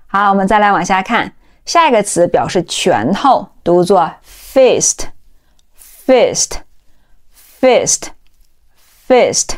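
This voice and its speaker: A woman teaching English vocabulary, who explains step by step and says each word slowly several times over. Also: medium pitch. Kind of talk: vocabulary lesson.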